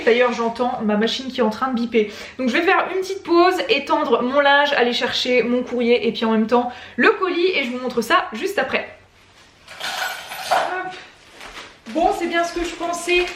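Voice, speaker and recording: A woman with a French accent and a distinctly high voice chats casually to her vlog audience. She is recorded at home, and the room adds a clear echo around her words. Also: a bit bright. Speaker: vlogger. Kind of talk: casual chatty studio vlog. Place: indoors at home. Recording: echoey indoor room.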